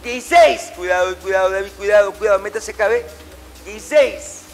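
Faint music plays behind a middle-aged man whose high-pitched voice moves fairly quickly. Leading a class in an indoor martial arts gym with a matted floor, he calls drills and issues terse, authoritative, repeated orders and corrections.

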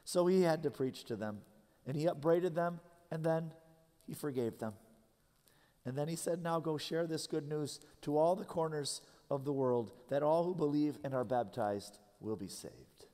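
A pastor in his thirties preaching a sermon in earnest, slowing down to stress key phrases. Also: a little high, dark tone. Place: large church sanctuary. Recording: long hall reverb from a church sanctuary.

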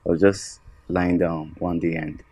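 A young Nigerian man guesting on a church TV show, soft-spoken and earnest, who talks haltingly and then sings a worship song. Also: low-pitched, level tone, slightly rough, no echo. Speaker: gospel singer guest. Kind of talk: interview and live worship song. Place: TV studio. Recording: loud guitar music behind.

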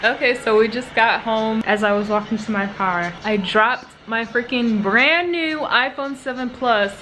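A woman vlogger chatting casually to her camera, telling stories in an animated way and laughing often. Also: a little high, unhurried, music in the background. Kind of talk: casual vlog chat. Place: at home and around her apartment. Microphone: handheld camera.

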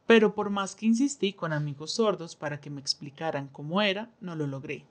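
A woman interpreting a signed interview aloud in the first person, with a measured, steady delivery and pauses. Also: low-pitched. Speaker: sign language voice interpreter.

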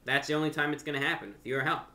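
A young American man, host of a video channel and a radio show, talks casually to the camera from a furnished room at home. His voice sits on the high side with fairly even intonation, and he speaks very fast in a pushed, bright tone. He's earnest and repeats phrases for emphasis.

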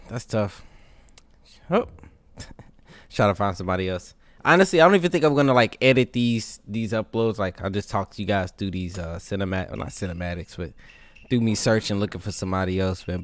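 A young American man giving excited, slangy gameplay commentary and casual chat as a gaming video host, speaking into a close microphone. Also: fairly low pitch, no room sound. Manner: animated, slangy, exclaiming. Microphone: close microphone on boom arm, with headset.

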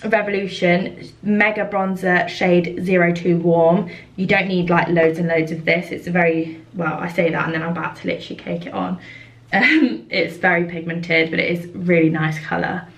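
Young woman, twenties, casual makeup chat, lots of fillers, lowish voice, distant mic in a roomy space. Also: steady tone, moderate pace. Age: 20s. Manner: chatty, with frequent fillers. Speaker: vlogger.

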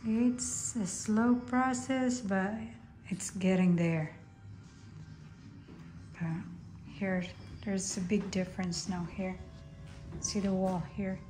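A vlogger holds her phone as she tours a stripped-down room mid-renovation, talking in a casual, halting way and encouraging her husband's efforts. She speaks at medium pitch with fairly even intonation over music, and the bare room gives the audio an echo plus some background noise.

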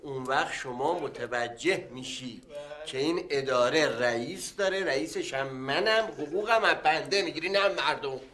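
A man playing a pompous office chief in a sitcom, speaking deliberately and leaning on his authority. His pitch sits a little high for a man. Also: fairly bright tone, natural voice. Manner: slow, domineering. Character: bossy, self-important male office boss. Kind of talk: sitcom acting.

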